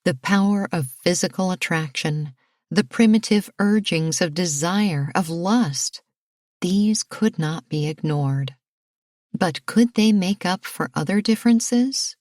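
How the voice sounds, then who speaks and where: Low-voiced woman reading a romance audiobook. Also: no echo, clean studio sound. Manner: measured, expressive reading. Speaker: audiobook narrator. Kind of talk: scripted narration.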